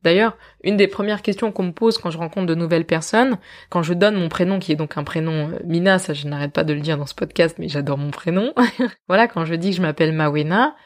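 A woman hosting a podcast, telling her story in a lively, self-mocking way and often laughing. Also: fairly low pitch, fairly quick. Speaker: podcast host.

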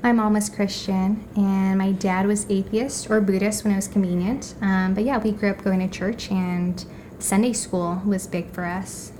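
Woman podcast guest, casual personal story, kinda halting, medium pitch, slight noise. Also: steady tone, dark tone, poor audio.

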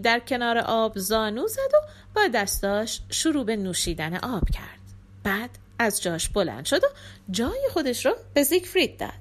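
A woman reading a folktale aloud as a storyteller, in an expressive, dramatic manner. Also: on the high side. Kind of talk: scripted storybook narration.

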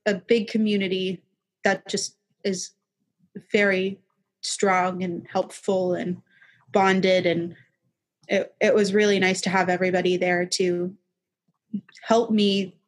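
A woman's voice: medium pitch, little pitch movement, takes it slowly, pauses often. A young woman talking as a podcast guest in a casual chat, reflective and rambling, with many restarts.

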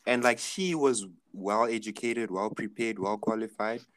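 A man's voice: lowish voice, normal speed, rough recording. A young man chatting casually, slangy, blunt and sweary. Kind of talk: casual chat.

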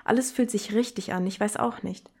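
A young woman hosting a book podcast, reading poetry excerpts and talking about books in a calm, earnest way. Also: medium pitch, normal speed, husky. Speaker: podcast host presenting books.

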